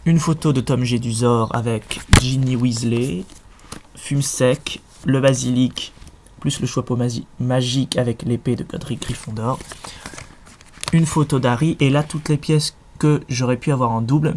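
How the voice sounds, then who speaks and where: A man's voice: mid-range voice, fairly even intonation, moderate pace, a little mellow. A young man chatting casually in a home vlog, showing his collection, full of fillers and restarts. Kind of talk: casual show-and-tell vlog. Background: faint noise and clicks.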